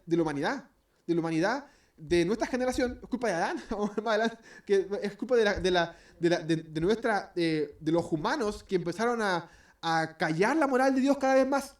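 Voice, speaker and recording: Rambling Chilean preacher, off-mic. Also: male voice, very high-pitched, a little mellow, distant mic. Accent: Chilean Spanish. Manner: rambling, hesitant, with many restarts and self-corrections; jokey, acts out little scenes. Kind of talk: informal sermon. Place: church.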